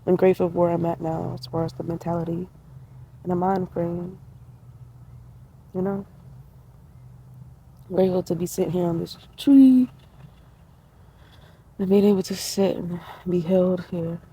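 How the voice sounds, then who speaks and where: A woman's voice: fairly low pitch, steady tone, normal speed, long pauses, dark tone, slight background noise, rough recording. A woman in her twenties sitting outdoors in a tree, talking in a casual, reflective way, slangy and spiritual, with laughter. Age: 20s. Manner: laid-back, spiritual, slangy, laughs often. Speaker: vlogger.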